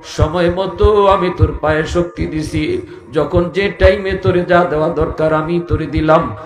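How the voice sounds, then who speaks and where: A man preaching a waz sermon, in an impassioned style that soars into high sung cries and calls out to the crowd. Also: steady tone, normal speed, echoey room. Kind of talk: Bengali waz sermon, chanted and sung at peaks.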